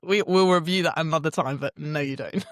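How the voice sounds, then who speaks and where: A woman's voice: low-pitched, normal speed, no echo, studio quality. A woman co-hosting a podcast in casual chat, teasing and laughing often. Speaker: podcast co-host.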